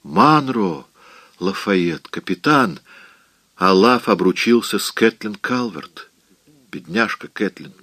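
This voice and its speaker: Male audiobook narrator, deep voice, dramatic delivery. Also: slow pace, no room sound. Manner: expressive, dramatic reading.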